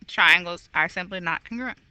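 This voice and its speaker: A woman's voice: fairly low pitch, moderate pace, pushed and bright, clean tone, low-quality recording. A woman teaching a recorded geometry lesson, walking through problems patiently and correcting herself aloud. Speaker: math teacher.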